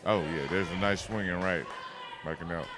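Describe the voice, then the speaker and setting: A man with an American accent doing live boxing commentary, enthusiastic and quick to agree. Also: deep voice, steady tone, crowd noise. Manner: enthusiastic, agreeable, repeats 'absolutely'.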